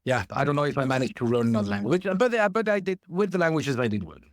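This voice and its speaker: A podcast guest on a remote call, this man talks in a casual interview style, thoughtful and expressive but a bit halting, often pausing to rephrase. His pitch is typical for a man, and the audio is dry with no room echo.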